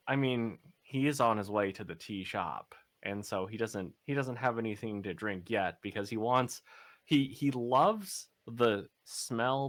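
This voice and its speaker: A man's voice: on the low side, a bit bright. A man playing a tabletop role-play game, casually narrating his character's morning with rambling restarts. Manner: rambling, with many restarts and laughs.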